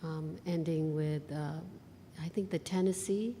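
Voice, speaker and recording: Slow, low-voiced artist woman from Bangladesh. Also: steady tone, mellow, long reverb tail, slight background noise. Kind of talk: live on-stage interview.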